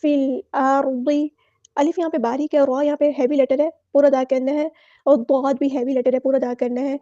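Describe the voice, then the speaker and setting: High, flat-voiced woman tajweed teacher. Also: dry recording, dull audio. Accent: Pakistani Urdu. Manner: slow drawn-out recitation alternating with brisk explanation. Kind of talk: word-by-word recitation lesson.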